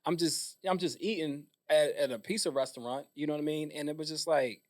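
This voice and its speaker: Relaxed, chatty male podcast host. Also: fairly high pitch, brisk. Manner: relaxed conversational, many fillers. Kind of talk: casual podcast interview.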